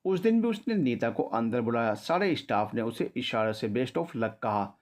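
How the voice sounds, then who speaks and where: A man narrating a scripted story in a steady, even storytelling manner. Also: mid-range voice, normal speed.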